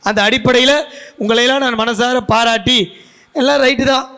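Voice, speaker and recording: A man's voice: very high-pitched, steady tone, brisk, bright, forceful tone, smooth. A man giving a guest speech at a school function, telling stories and putting questions to the audience as a seasoned debate speaker. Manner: storytelling orator who asks the audience questions.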